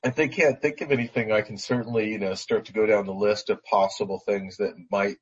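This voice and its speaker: Deep, husky man on a call. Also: fairly even intonation, brisk, muffled recording. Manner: earnest, restarts phrases. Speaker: team leader being coached. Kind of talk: call conversation.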